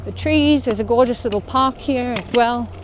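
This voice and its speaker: A woman's voice: on the high side, normal speed, slight background noise. An Australian woman leading a walking workout, chatting casually as she walks through an outdoor park. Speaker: fitness vlogger leading a walk. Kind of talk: casual walk-along chat.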